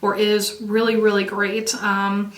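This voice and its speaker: A woman hosting a casual chat about her favorite songs, effusive and quick to sing a line. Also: mid-range voice, monotone, fairly bright tone, roomy sound. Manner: effusive, sings snippets of lyrics. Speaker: host.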